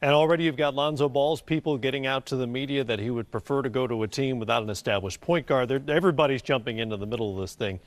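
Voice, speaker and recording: A man anchoring a sports news segment in a measured, newsy way, asking long questions. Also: medium pitch, dry recording. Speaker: studio anchor.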